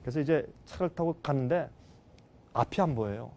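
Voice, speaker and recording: A middle-aged man preaching a sermon, who tells a story with feeling, shifts between loud exclamations and quiet low asides, and speaks straight to his listeners. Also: fairly quick, slight background noise. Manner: emotional storytelling, addresses listeners directly. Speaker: pastor. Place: church seminar hall.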